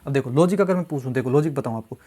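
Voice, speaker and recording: A man's voice: medium pitch, very fast, dark tone. Man coaching reasoning questions. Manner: repetitive, coaxing, keeps asking "samjhe?". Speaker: exam reasoning teacher. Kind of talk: solving mock test questions step by step.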